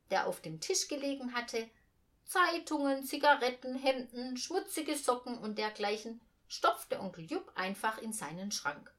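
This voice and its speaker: A woman reading a children's story aloud, warmly expressive and lively, with a fairly high voice. Her melody rises and falls in big arcs as she carries the narration along.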